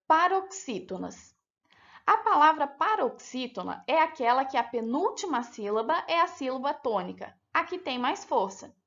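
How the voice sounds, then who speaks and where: A woman teacher with a Brazilian Portuguese accent guides children through a lesson, pronouncing everything slowly, clearly and deliberately. Her voice is high, very animated and a bit bright. The audio is dull and lo-fi.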